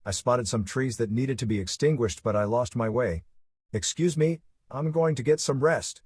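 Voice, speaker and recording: A man's voice: medium pitch, normal speed, a little mellow, breathy edge, no room sound, studio quality, close to an everyday voice. A man voicing a bespectacled young male agent who speaks in a stiff, matter-of-fact way, in an audio novel.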